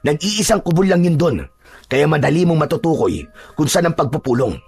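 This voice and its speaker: A man's voice: a little high, animated, a little fast, gravelly, a little mellow, slightly rough, voice pushed up, exaggerated voice. A man voicing a secretive, loyal rebel warrior in a narrated horror audio drama, speaking earnestly and confidingly.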